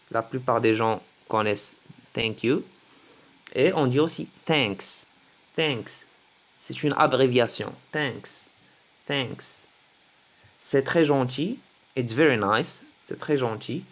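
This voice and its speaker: Slow-talking man teaching English phrases. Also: mid-range voice, animated. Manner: slow, repeats each phrase several times. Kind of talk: French-language English lesson.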